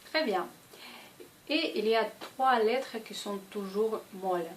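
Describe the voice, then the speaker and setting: A woman teaching a language lesson, speaking slowly and deliberately and repeating each example word. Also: mid-range voice, a little hiss or hum, poor audio.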